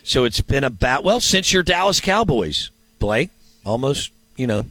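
A male sports talk host with an ordinary mid-range voice, recorded dry and close. He talks casually in a rambling way, thinking out loud and checking himself with questions. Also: medium pitch, big pitch swings, measured pace, no room sound. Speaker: sports radio show host.

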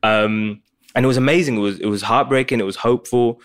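A man's voice: mid-range voice, fast talker. A man, a comedian guest telling stories animatedly and joking in a casual interview. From Pakistan, raised in England.

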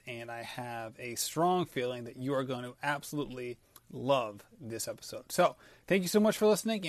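A podcast host introduces and interviews his guest on a running show, enthusiastic and rambling a little in a casual chat. His voice is medium-pitched, recorded with no echo.

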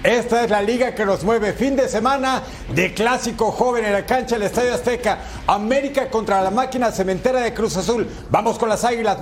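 A man hosting a sports show in an energetic presenting style. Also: high voice, a little hiss or hum. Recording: faint music behind.

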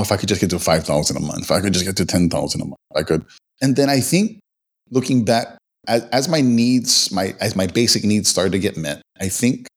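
Deep-voiced man talking in halting bursts. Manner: halting, many restarts and repeated words. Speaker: podcast guest. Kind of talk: casual interview talk.

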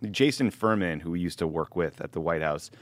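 A man's voice: deep voice, expressive, fairly quick, no echo. A man co-hosting opinionated political chat in a blunt, critical way. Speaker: political podcast co-host.

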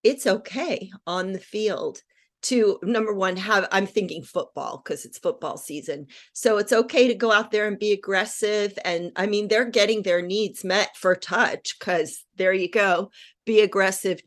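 Slow-paced woman podcast host; relaxed and affirming. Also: medium pitch. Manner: relaxed, thinking aloud, with frequent affirmations. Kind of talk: conversational podcast discussion.

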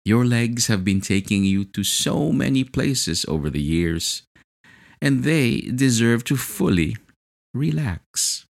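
A man leading a guided hypnosis session, speaking in a slow, soothing, hypnotic way. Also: mid-range voice, lively intonation, creaky. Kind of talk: guided hypnosis relaxation script.

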